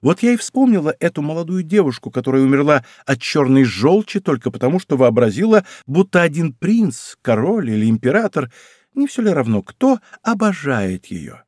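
A man's voice: big pitch swings, moderate pace, a little mellow, no room sound, studio quality. A man reading an audiobook, voicing a young court lady who speaks with mocking irony. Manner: ironic, chatty, raised pitch. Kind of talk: audiobook character voice.

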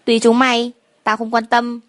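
A woman reads as a menacing gang boss, clipped and threatening. The voice runs fairly high and is recorded close and dry, like a storybook narration. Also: completely flat delivery, moderate pace, no room sound, close to an everyday voice. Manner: threatening, curt.

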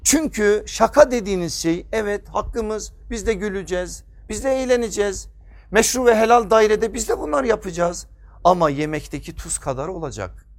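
This is a man giving a sermon from behind a pulpit microphone. His voice sits high, and he drives his points home with emphasis. He asks rhetorical questions and then answers them himself. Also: lively intonation, normal speed. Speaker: preacher.

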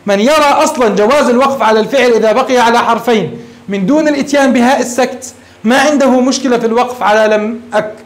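High-voiced, fast-talking male grammar teacher. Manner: explains step by step, asks students questions and answers them. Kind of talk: classroom lecture.

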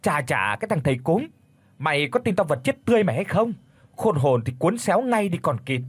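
Man putting on a possessed young woman, menacing, husky and higher. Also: sing-song, a little fast, no echo. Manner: menacing, threatening.

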